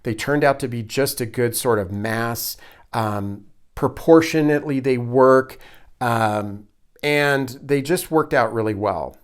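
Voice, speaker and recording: A man with a smooth, clear voice at a medium pitch talks casually through a hobby build. He speaks off the cuff as a presenter, pausing to think and gently putting himself down as he explains. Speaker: hobby prop maker, presenter. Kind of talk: casual unscripted show-and-tell explanation.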